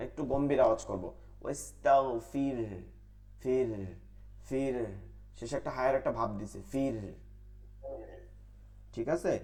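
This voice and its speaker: প্রশ্ন করে নিজেই উত্তর দেওয়া পুরুষ কুরআন শিক্ষক. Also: male voice, mid-range voice, moderate pace, pauses often, darkish tone. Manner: asks questions and answers them himself, repeats rules in a drill. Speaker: Quran recitation teacher. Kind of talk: online tajweed class.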